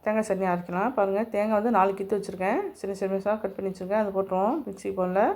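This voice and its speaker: A woman's voice: medium pitch, flat delivery, racing, darkish tone. A woman, hosting a home cooking demonstration and explaining each step straight to her viewers. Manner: homely step-by-step instructions, speaking to viewers directly. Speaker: cooking channel host.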